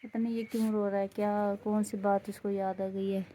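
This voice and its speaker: A woman from Pakistan speaks in a casual home vlog. Her voice is mid-pitched with a warm, mellow tone. She keeps asking questions and comes back to the same point again and again in a worried way. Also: level tone, slight background noise. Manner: worried, questioning, repeats herself. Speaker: vlogger's wife.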